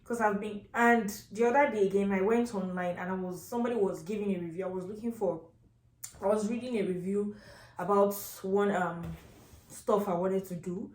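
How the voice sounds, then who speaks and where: Exasperated and emphatic, a woman vlogger with a Nigerian accent turns a casual story into a rant, repeating phrases for effect. She speaks at normal speed in a mid-range, darkish voice, and the room sounds echoey.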